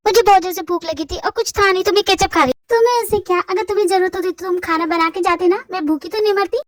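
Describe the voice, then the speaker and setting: A woman voicing a feisty, teasing teenage girl with quick, sassy retorts in a fan-fiction audio dub. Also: very high-pitched, dry recording, studio quality, pitched above the performer's own voice. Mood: sulky.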